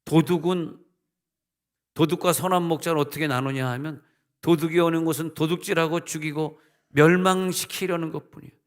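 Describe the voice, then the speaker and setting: A man's voice: fairly high pitch, steady tone, normal speed. A middle-aged male senior pastor preaching a sermon, with emphatic rises and conversational asides. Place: church sanctuary. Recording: long church hall reverb.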